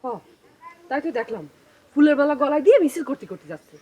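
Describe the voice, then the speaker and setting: An actress playing a lively young village woman in a TV drama, brisk and teasing with her sweetheart. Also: sits high, dull audio. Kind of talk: TV drama acting.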